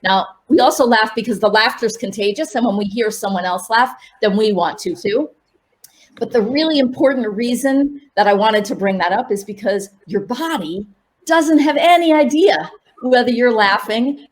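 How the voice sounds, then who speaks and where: A woman laughter coach leading an online workshop, upbeat and coaxing, with sudden high cheers. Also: normal speed.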